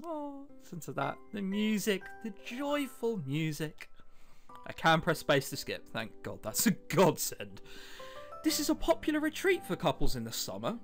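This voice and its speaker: Reading out a visual novel over its game music, a let's-player whose sex is hard to tell cuts themselves off with dry jokes and relaxed remarks. They speak at a normal speed in a medium pitch with huge swings in intonation.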